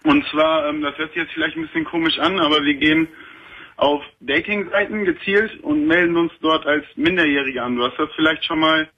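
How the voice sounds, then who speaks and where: A man's voice: fairly high pitch, brisk. Young man talking over a speakerphone. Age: 20s. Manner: earnest, explaining at length with many fillers. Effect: heard over a speakerphone. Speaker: caller. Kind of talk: casual chat on a late-night call-in radio show. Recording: dull phone line on radio.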